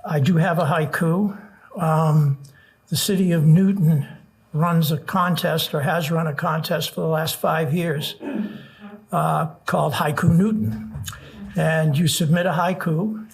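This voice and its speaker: Slow, higher-pitched male open mic poet. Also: steady tone, vocal fry, rough recording. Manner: measured, deliberate phrasing with pauses. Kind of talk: spoken introductions and poetry recital to an audience.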